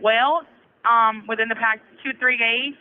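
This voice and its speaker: A woman calling in from prison over the phone, giving brief, halting replies in casual chat. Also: a little high, steady tone. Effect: heard over a prison phone call. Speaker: inmate calling in. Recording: tinny prison phone line.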